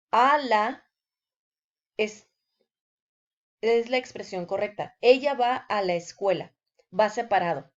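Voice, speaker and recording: Slow-talking lady w/ explaining word usage, kinda dull lo-fi audio. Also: medium pitch. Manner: slow, deliberate delivery with example sentences. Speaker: language teacher. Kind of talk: scripted explanatory lesson.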